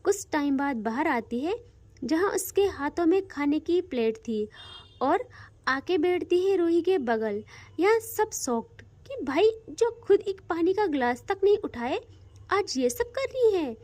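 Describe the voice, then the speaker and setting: A woman narrating a romantic audio story in an expressive, emotive storytelling manner. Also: extremely high pitch, unhurried, no echo.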